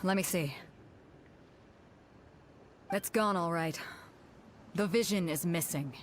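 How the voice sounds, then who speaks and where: A woman's voice: on the low side, slow pace, a little hiss or hum. A woman playing a brash, commanding ship captain hosting a tournament in a video game. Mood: grim.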